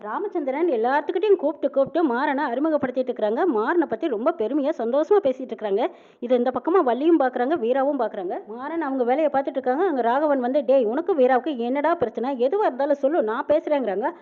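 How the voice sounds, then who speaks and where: A woman quickly retelling a TV serial episode, reporting each character's lines one after another with a tag of who said them. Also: high voice. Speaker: serial recap narrator. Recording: narrow phone-like band.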